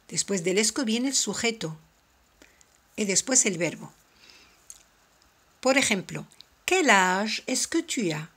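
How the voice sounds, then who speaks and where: A woman teaching a French lesson, explaining step by step and repeating each example slowly. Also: medium pitch, fairly bright tone. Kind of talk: slow, careful language lesson.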